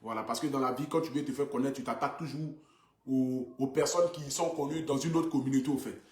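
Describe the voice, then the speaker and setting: A man's voice: medium pitch, steady tone, fairly quick, a little mellow, reverberant. A man influencer talking casually on a phone livestream to his viewers, earnest and repetitive, with lots of filler words. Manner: earnest, repetitive, many fillers like "voilà" and "donc du coup". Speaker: social media influencer. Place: indoors, seated.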